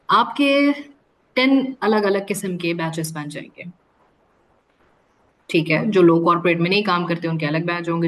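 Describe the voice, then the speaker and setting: A woman's voice: fairly low pitch, low-quality recording. A woman teaching an online spoken English orientation class. She explains patiently and mixes Urdu and English mid-sentence. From Pakistan. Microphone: video call.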